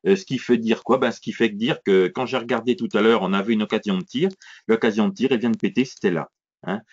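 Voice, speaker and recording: Quick, punchy man, dull lo-fi sound. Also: on the low side, darkish tone, husky. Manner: quick, punchy, many hein and voilà fillers. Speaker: trading instructor. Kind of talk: live educational screen walkthrough.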